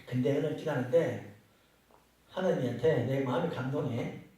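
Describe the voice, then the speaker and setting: Man preaching in a booming, echoey church. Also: moderate pace, dark tone. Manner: expository preaching with rhetorical questions to the congregation. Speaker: pastor. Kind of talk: sermon. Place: church sanctuary. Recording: very echoey church hall from far off.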